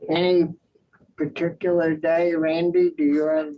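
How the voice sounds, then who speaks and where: A committee chair running a meeting over a video call, halting and full of fillers. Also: mid-range voice, flat delivery, a little hiss or hum. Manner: hesitant, halting, many fillers. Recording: dull lo-fi audio.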